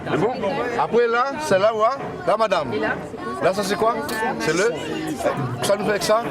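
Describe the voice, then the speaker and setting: A man's voice: high voice, normal speed. A man at an outdoor market explaining corn products to visitors, quizzing them as he goes. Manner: lively, quizzing the listener. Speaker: corn mill vendor. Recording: loud crowd behind.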